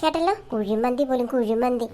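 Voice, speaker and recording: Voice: medium pitch, brisk, a little hiss or hum, pitched below the performer's own voice, close to an everyday voice. A child voicing an irritable middle-aged mother who nags and scolds her family in a comedy skit. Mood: scolding. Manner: sharp, nagging, complaining tirades. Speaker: comedy sketch actor.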